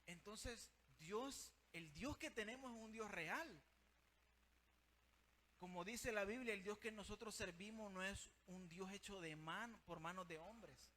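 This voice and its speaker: A man's voice: sits high, a little slow, sharp tone, slight background noise. A man preaching a sermon with fervour, speaking straight to his listeners as brother and sister.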